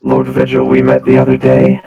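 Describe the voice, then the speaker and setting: A flat robotic lord. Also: male voice, a bass voice, dull audio, pitched below the performer's own voice. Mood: stiffly courteous. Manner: courtly, hesitant, halting speech. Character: monotone robot lord posing as a human noble. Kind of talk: in-character tabletop roleplay.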